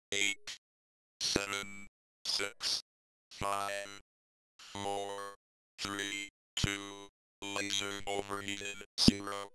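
A synthesized robotic voice acting as a spaceship computer, announcing alerts in clipped, evenly spaced words. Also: deep voice. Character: flat computerized spaceship warning voice. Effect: robotic speech-chip voice, stiff and monotone. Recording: old arcade audio with steady hum.

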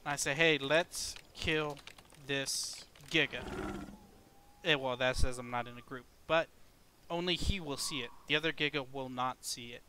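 A man talks over his own gameplay, walking the viewer through how things work one step at a time. His voice sits at a middling pitch with a bright, forward edge. He stays laid-back and swears freely as he explains. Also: fairly quick, a little hiss or hum. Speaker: gaming video host. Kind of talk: casual gameplay commentary.

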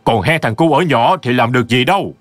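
A man's voice: mid-range voice, animated, fairly quick, dry recording, pitched above the performer's own voice, lightly acted. A man voicing a stern old village grandfather who barks brusque, scolding commands, in a storybook horror reading. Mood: gruff.

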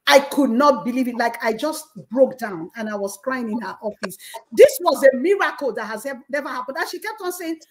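A woman with a high, bright-toned voice hosts a faith talk show. She tells her testimony fervently and with deep emotion, breaking into praise along the way. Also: animated, brisk. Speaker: host. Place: Canada.

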